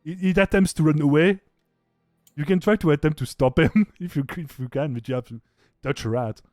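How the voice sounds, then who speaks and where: Man game master, casual rambling narration, slightly high voice, dry close sound, faint music. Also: a little fast, a little mellow, no room sound.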